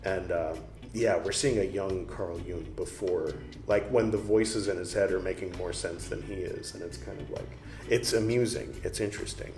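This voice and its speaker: A man's voice: sits low, steady tone, normal speed, few pauses, darkish tone. A man reading a book aloud and breaking off into rambling, jokey asides of his own. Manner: rambling, jokey asides between read passages. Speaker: book reader and commentator. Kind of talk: casual reading with commentary. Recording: echoey room with faint music.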